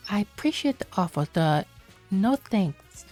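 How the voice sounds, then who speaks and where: A woman reading as a morbid deadpan cop. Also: medium pitch, a little slow, faint music behind. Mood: grudging. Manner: flat, morbid deadpan delivery. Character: gloomy, deadpan grown male cop. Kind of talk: reading game dialogue aloud.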